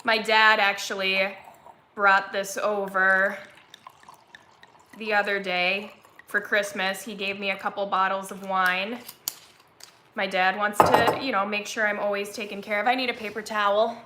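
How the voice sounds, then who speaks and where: Bright, chatty young woman in an echoey room. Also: medium pitch, flat delivery, measured pace, slight background noise. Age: 20s. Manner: chatty, rambling, filler-heavy with frequent "like". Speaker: vlogger hosting a live chat. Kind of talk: casual live-stream chat.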